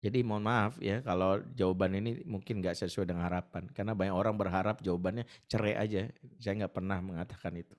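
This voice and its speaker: A man's voice: low voice, quick pace. A man speaking as an ustaz in a webinar on marriage, telling stories animatedly and acting out the voices of the people in them, heard over a video call. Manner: animated storytelling, acts out quoted voices.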